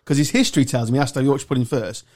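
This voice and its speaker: A man's voice: medium pitch, steady tone, racing, a little mellow. Joking, defensive Englishman in banter. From England. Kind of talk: casual podcast banter.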